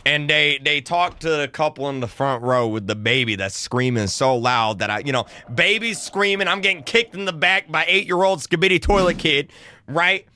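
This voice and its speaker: Excitable bright-voiced young-sounding man. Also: fairly high pitch, normal speed. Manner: excitable, slangy, lots of restarts. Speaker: streamer telling a story. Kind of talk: animated casual storytelling.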